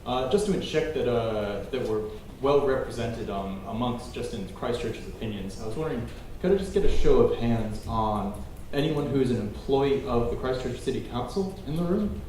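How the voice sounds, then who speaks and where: Mellow-voiced man speaking from the audience. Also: medium pitch, expressive, normal speed. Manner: polite, tentative. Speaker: audience member, local resilience worker. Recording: echoey room, distant mic, faint noise.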